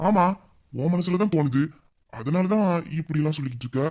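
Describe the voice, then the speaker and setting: A man's voice: a little high, animated, fairly quick, a little mellow. A man playing a flirtatious male boss who teases a staff member in a Tamil audio drama. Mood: teasing. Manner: teasing, playful and bossy. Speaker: boss voicing a romantic male lead.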